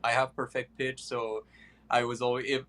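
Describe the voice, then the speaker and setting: A young man from Iraq, a pianist guest, answering interview questions with many pauses and fillers. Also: mid-range voice, little pitch movement, fairly bright tone.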